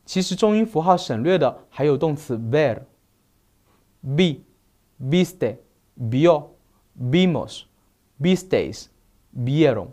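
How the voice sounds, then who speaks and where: A man teaching a recorded grammar lesson, slowly listing verb forms one by one. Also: on the high side, lively intonation, mellow. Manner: slow, deliberate, spells out verb forms one by one. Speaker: Spanish teacher.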